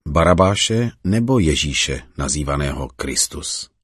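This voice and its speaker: A stern Roman governor poses his questions in a very deep, husky voice, as a man reading scripture gives him lines. The delivery is slightly raised and questioning, and the sound is dry and close. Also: expressive, fairly bright tone, no room sound, exaggerated voice.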